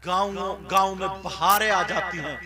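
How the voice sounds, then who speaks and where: A man preaching a sermon with stories at a shrine festival, impassioned, dropping soft and then shouting. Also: high voice, normal speed, heavy background noise. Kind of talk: religious sermon with storytelling. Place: outdoor shrine festival gathering. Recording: live crowd audible behind.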